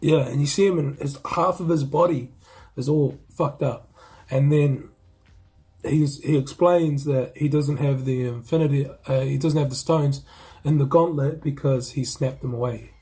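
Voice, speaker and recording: Laid-back New Zealand man, mellow husky voice. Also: mid-range voice, steady tone, normal speed. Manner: laid-back, slangy, rambling with restarts. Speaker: movie reviewer. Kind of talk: casual chat.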